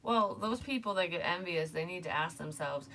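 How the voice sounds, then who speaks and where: Low-voiced chatty woman reading tarot. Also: animated, normal speed, vocal fry, a bit bright, far from the mic, soft background music. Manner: chatty, rambling, full of "like" and "you know". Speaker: tarot reader. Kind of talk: casual tarot reading monologue.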